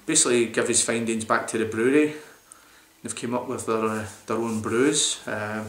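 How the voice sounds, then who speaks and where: A man's voice: mid-range voice, fairly even intonation, normal speed, fairly bright tone. A man in his forties, rambling enthusiastically with lots of fillers as he reviews a beer to camera in a small room. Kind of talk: casual beer review vlog. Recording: roomy echoey home recording.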